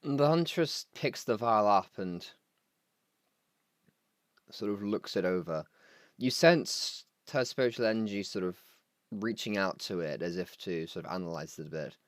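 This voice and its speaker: A man's voice: lowish voice, expressive, measured pace, no room sound, clean studio sound. A man narrating as game master of a tabletop game, loose and full of fillers.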